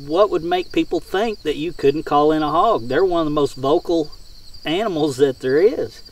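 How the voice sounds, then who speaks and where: Middle-aged male outdoorsman, folksy hunting raconteur, average pitch, slightly distant outdoor recording with insect sounds. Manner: folksy, rural colloquial phrasing. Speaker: hog hunter and game caller. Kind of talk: casual first-person hunting storytelling.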